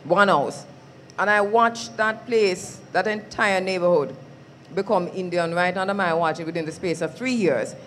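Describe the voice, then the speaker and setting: A woman's voice: fairly low pitch, unhurried, a little hiss or hum. A Jamaican woman presenting a live radio discussion, explaining her points earnestly.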